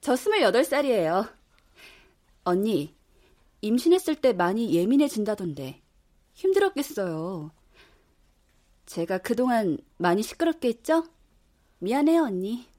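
An actress in her twenties playing a calm, matter-of-fact young neighbor. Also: on the high side, unhurried, long pauses. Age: 20s. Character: young upstairs neighbor, cool and offhand.

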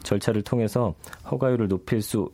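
A man's voice: fairly low pitch, brisk, dark tone. A man in his thirties, a guest on a radio show, explaining things conversationally with many fillers. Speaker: guest commentator.

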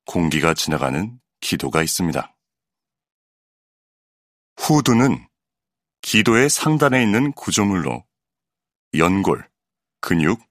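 A man with a very low voice reads an educational audiobook, his pitch rising and falling lively from phrase to phrase. The delivery is clear and measured, like a patient explanation, recorded close on a studio mic in a dry space. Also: no echo. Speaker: voice actor reading an audiobook. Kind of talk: scripted educational narration.

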